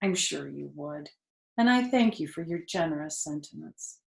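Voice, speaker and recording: A woman voicing a tired, wise, motherly female spider in a children's storybook, speaking calmly and gently in a measured way. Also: deep voice, vocal fry, roomy sound, voice pushed down. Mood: reflective, tender. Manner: calm, gentle, measured, matter-of-fact. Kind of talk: children's storybook character reading.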